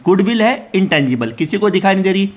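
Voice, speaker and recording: High-voiced man teaching a class. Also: expressive. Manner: asks questions and answers them himself; reads English definitions slowly, then explains in Hindi. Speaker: commerce teacher. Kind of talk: classroom lecture to students.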